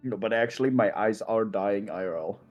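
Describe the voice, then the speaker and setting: A man's voice: on the low side, fairly quick, lo-fi sound, faint music behind. A man with a stuffy nose, joking and stumbling over his words as a player in a tabletop game. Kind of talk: casual tabletop chat.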